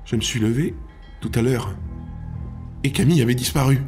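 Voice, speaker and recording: A man's voice: mid-range voice, fast, faint music behind, voice pushed up, natural voice. A man voicing a panicked young mother who begs breathlessly for help. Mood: pleading. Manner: frantic, pleading, breathless.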